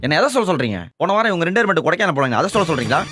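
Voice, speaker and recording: A young man acting in a comedy sketch, blurting things out in a stubborn, deadpan way. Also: on the high side, rapid-fire. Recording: music under the voice.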